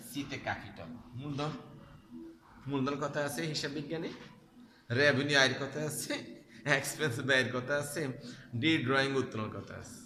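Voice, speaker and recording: A man teaches an accounting lesson in a bright, forceful voice, quizzing his students and drilling each term by repeating it. The sound rings with a long reverb, as if from a large hall, over a faint background hum. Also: mid-range voice. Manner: repeats terms slowly to drill them in; addresses students directly with questions. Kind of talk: classroom lecture.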